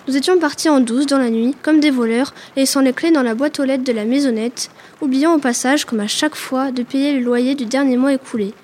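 Une femme qui lit un roman à la première personne, d'un ton posé et intime. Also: female voice, sits high, a little mellow, slight background noise. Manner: measured, intimate, literary. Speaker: audiobook reader. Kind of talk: first-person literary narration.

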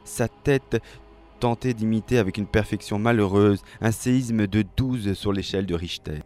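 A man reading a dramatic story aloud in a slow, measured, expressive way. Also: on the low side. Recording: faint music behind.

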